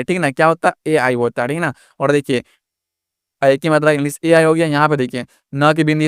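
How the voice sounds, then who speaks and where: A man's voice: fairly high pitch, clean tone, no room sound, studio quality. A man teaching a lesson step by step, repeating himself and asking the listener rhetorical questions. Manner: repetitive, constantly asks rhetorical questions. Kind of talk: screen-recorded lesson.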